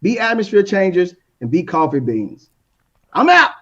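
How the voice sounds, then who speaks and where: A man's voice: sits high, sing-song, moderate pace, fairly bright tone, dull audio. A man giving a motivational talk on customer service, preachy and repeating key lines for emphasis. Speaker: guest speaker.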